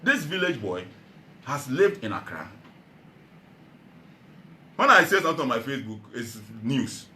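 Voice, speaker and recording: A man with a Ghanaian accent giving a rousing political speech to a meeting, swinging from loud calls to low earnest tones. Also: big pitch swings, measured pace, long pauses, echoey room, slight background noise. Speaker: party founder addressing a meeting.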